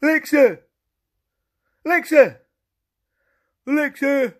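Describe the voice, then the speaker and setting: A very high, shouty potato. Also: male voice, slow pace, heavily acted. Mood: excited. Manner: shouty, rambling, stumbles over words. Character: silly talking potato, childish and excitable. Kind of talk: comic vlog sketch.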